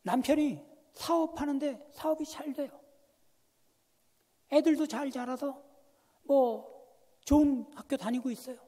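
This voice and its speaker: A man preaching a sermon as a guest pastor, telling a story with animated swings between hushed and loud delivery. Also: extremely high pitch, a little slow, pauses often. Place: church sanctuary. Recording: long church reverb.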